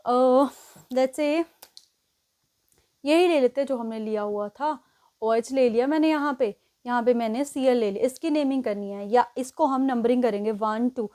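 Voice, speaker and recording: High-voiced woman teaching chemistry. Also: moderate pace, mellow. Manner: explains step by step, counts positions aloud, often checks with "ठीक है". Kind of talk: exam-prep lesson at a board.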